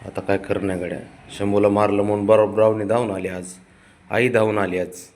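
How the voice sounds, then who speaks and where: A man at home chatting to his pet cats, coaxing and teasing them, swinging between soft murmurs and high sing-song pleading. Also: level tone, a little fast. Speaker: cat owner vlogger. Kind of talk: casual talk to pet cats.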